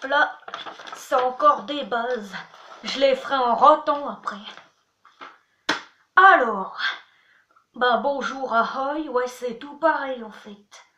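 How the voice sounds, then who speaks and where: This young vlogger speaks slowly in a high, sharp-toned voice, leaving long pauses. In a casual, chatty, playful way, she teaches words and teases herself. Recorded with the mic at a distance in an echoey room, the clip has slight background noise.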